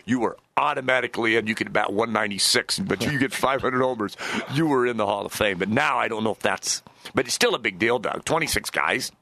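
Male radio co-host, gravelly and forceful, casual sports chat with emphatic repetition, dry studio. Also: lowish voice, brisk. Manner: repeats himself for emphasis. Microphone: close studio mic.

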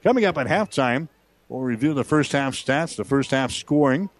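A man's voice: medium pitch, lively intonation, moderate pace. An American man doing live play-by-play radio commentary of a football game in short, clipped phrases. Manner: clipped running description of play. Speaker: play-by-play sports announcer. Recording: outdoor broadcast with clear background noise.

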